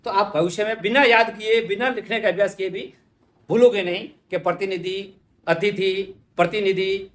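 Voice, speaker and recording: A man's voice: high-pitched, steady tone, moderate pace, a bit bright, reverberant. A man teaching spelling for exams, patiently repeating words and answering his own questions. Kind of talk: exam-prep lesson.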